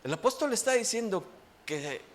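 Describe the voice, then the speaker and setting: Pastor, sermon, high-ish voice, very animated pitch, fond of rhetorical questions. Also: male voice, normal speed. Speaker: preacher. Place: church.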